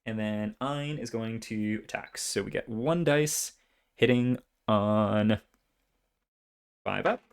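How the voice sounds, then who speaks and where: A man's voice: fairly low pitch, slow pace, long pauses, clear, resonant tone. A young man casually narrating his own turns in a solo tabletop board game, thinking aloud and counting dice as he goes.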